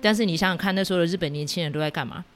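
A woman hosting a casual film recap, chatty and full of sentence-final particles, who acts out quoted lines with sudden jumps in pitch. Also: rapid-fire, slight background noise. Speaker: film review host.

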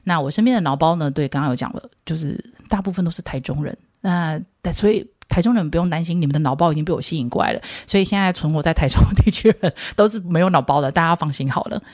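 A woman's voice: low-pitched, quick pace, few pauses, a little mellow, no echo, clean studio sound. A woman in her thirties with a Taiwanese Mandarin accent, hosting a podcast in a playful, teasing storytelling manner. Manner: playful, teasing, laughs at her own jokes. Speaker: podcast host. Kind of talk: casual storytelling monologue.

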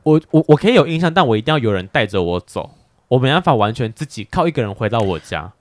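A quick-talking man with a lively, swooping pitch. He chats casually as a podcast co-host, restarting his sentences in bursts. The sound is close and dry. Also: no echo. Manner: animated, stammering restarts, laughs a lot. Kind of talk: casual chat, telling a drinking story.

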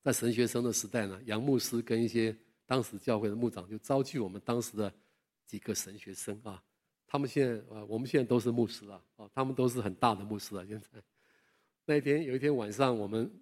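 Older pastor telling lively stories. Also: male voice, lowish voice, fairly quick. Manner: animated storytelling with self-deprecating humor; chatty, asks the listeners questions. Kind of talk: sermon with personal stories.

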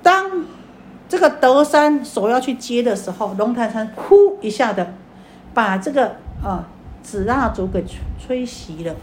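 A Buddhist teacher, a woman with a fairly high voice, tells a teaching story at an easy pace. She strings phrases together with drawn-out particles and frequent fillers, and a faint background hiss sits under her speech. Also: animated. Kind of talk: sermon storytelling.

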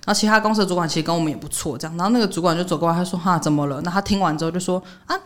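A young woman rattles through an office story on her podcast at a quick clip. Her speaking voice sits fairly low but leaps up when she acts out other people's lines. The delivery is animated and chatty. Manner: animated retelling, voicing others' quotes with jumps in pitch. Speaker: podcast co-host. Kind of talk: casual storytelling chat.

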